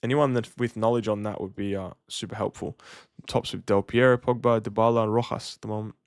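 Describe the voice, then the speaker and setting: A man's voice: on the low side, fairly even intonation, fairly quick, clear, resonant tone, no echo, studio quality. Man, streaming casually. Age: 30s. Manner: laid-back slangy, matey address. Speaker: livestream host. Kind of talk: casual livestream chat with viewers.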